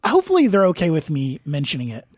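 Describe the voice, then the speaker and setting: A man's voice: a little high, wildly swooping pitch, fast, no echo, studio quality. Rambling man hosting a casual podcast. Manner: rambling, full of "like" and restarts, storytelling. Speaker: podcast host and producer.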